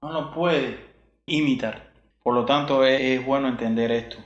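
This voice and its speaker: A man's voice: mid-range voice, moderate pace. Man preaching in an echoey room. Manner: preaches with rhetorical questions, repeating verses. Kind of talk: sermon.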